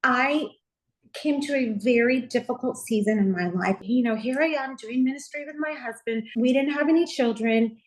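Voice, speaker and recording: A woman's voice: a little high, moderate pace, rough recording. A middle-aged woman pastor from Texas sharing her personal testimony in an interview, earnest and heartfelt, with a lot of "you know.".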